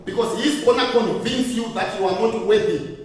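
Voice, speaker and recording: A man with a strikingly high voice preaches a sermon, driving his points home with repeated phrases and questions to the congregation. He sounds distant from the microphone, and his words ring through a large hall with a long, echoing tail. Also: moderate pace. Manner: emphatic, with call-and-response questions to the congregation. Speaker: pastor. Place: church hall. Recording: echoey hall, voice from far off.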